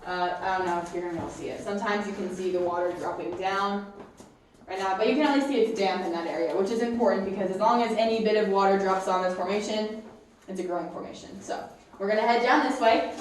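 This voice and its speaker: A woman's voice: medium pitch, fast talker. A woman working as a cave guide, giving a casual, explanatory tour talk to a group inside a cave. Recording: very echoey cave, distant mic, faint noise.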